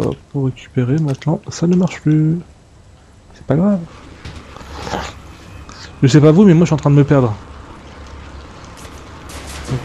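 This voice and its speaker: A man talks through a video game in a loose, chatty way, often turning to his viewers and muttering to himself. His voice is mellow and dark. Faint game sounds and background noise run behind him. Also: a little high. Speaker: let's play gamer. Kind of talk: casual gameplay commentary.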